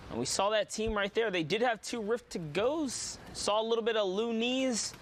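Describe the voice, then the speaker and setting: A man's voice: high voice, normal speed, slight background noise. A man giving laid-back, chatty color commentary on a live esports match. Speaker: esports caster.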